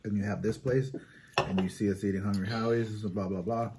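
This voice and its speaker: A man co-hosting a food review vlog, talking matter-of-factly and trailing off quietly at the ends of his points. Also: fairly low pitch, fairly even intonation, fairly quick, background noise. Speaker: mukbang co-host. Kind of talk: casual food review chat.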